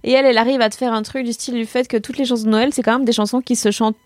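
A woman comedian from Belgium chatting casually on a podcast, animated, laughing and swearing freely. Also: fairly high pitch, very fast, no room sound, clean studio sound. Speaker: comedian guest.

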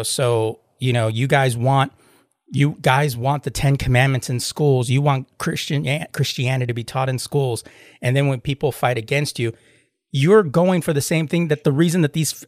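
Here a medium-pitched man chats as a podcast host, rambling through stories and acting out both voices in the conversations he relays. It's a studio-quality recording with no room sound.

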